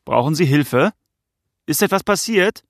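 An uneasy father speaking in a soothing, hesitant tone, as a male narrator reads him. The voice stays close to the reader's own, with a gravelly texture and dry, close sound. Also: lowish voice, fairly even intonation, measured pace, a little mellow, no echo. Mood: calling out. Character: uneasy father, gentle, trying to stay calm.

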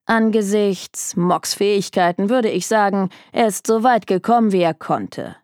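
Give me a woman playing an arrogant male detective, dismissive and scornful, with a low, gravelly tone. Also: expressive, normal speed, darkish tone, no echo, studio quality.

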